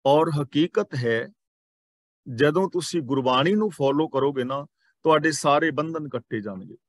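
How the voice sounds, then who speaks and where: A man with a Punjabi accent delivers a scripture sermon in a fairly high voice. He chants each verse slowly, then explains it plainly, mixing in English words. The sound is dry and close to the mic. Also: expressive, no echo. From Punjab, India. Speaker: Sikh scripture preacher. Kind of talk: gurbani katha sermon.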